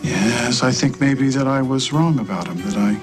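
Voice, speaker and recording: A man's voice: mid-range voice, moderate pace, over loud music, close to an everyday voice. An actor playing a middle-aged father in a daytime soap, hesitant and placating as he tries to make amends. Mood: earnest.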